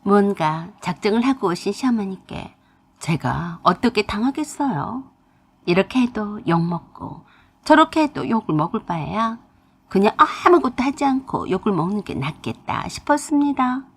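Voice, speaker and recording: A woman's voice: mid-range voice, sing-song, normal speed, breathy edge. A woman telling a personal family story in first-person narration, confiding and emotional.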